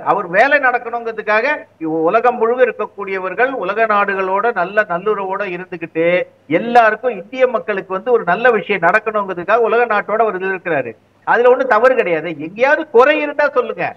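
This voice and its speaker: A man's voice: high voice, fairly quick, dull audio. A man speaking as a guest commentator in a heated political interview, arguing his side with repeated rhetorical questions.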